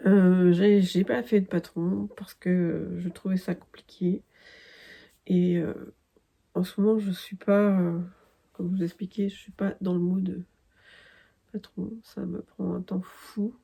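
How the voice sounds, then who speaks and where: A woman from France chats slowly through her crafting vlog, pausing often with fillers and false starts. Her voice is low-toned and mellow with a gravelly, husky edge. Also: little pitch movement. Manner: hesitant, many fillers and restarts. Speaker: crafting vlogger. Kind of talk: casual chat.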